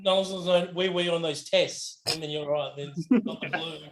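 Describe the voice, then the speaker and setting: Man, slightly higher voice, crude teasing banter, swears, video call chat. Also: fairly even intonation, normal speed, poor audio. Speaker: club member. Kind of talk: casual group chat.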